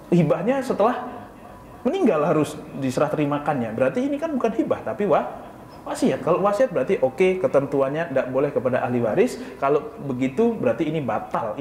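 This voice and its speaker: A man's voice: mid-range voice, darkish tone, roomy sound, a little hiss or hum. A man with a Jakarta Indonesian accent giving an Islamic study talk to a small congregation, often asking them questions and answering them himself in casual speech. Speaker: Islamic preacher. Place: office prayer room.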